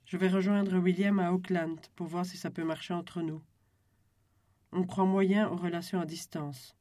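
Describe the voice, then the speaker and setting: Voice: medium pitch, level tone, measured pace, warm tone, dry recording, lightly acted. An audiobook reader voicing an impatient young woman who talks casually about a big decision. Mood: hesitant.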